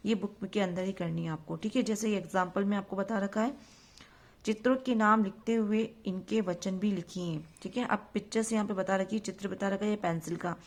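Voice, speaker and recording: A woman teacher speaks in a patient, repetitive way to young pupils. She asks a question, waits a moment and answers it herself. English words are dropped into her throughout. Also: mid-range voice. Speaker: school teacher. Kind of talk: recorded online grammar lesson for young children.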